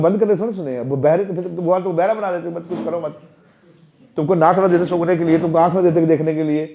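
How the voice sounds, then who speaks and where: A man gives an interactive spiritual talk to parents, his voice pitched a little high and soft. He chats playfully and keeps questioning his listeners. The recording is dull and lo-fi. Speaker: temple president giving a talk to parents.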